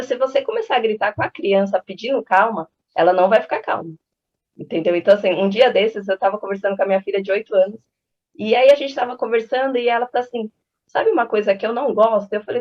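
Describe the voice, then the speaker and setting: A woman in her thirties from Brazil talks quickly and casually about raising children. She strings anecdotes together and acts out the quoted voices of the people in them. The recording sounds a little dull and lo-fi. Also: on the high side. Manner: chatty, storytelling, acts out quoted dialogue. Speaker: parenting channel host. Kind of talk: casual advice talk with anecdotes.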